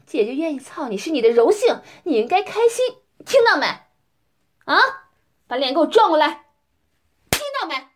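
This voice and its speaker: A woman's voice: high voice, sing-song, a little mellow. A woman playing a domineering, scornful young mistress. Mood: harsh. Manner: taunting, with frequent drawn-out questioning "ah?" and "hm?". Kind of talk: adult audio role-play.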